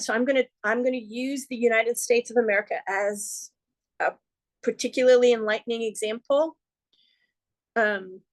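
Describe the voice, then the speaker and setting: A middle-aged woman hosts an astrology forecast in a somewhat high voice. She talks earnestly and conversationally, slipping in playful asides. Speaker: astrologer host.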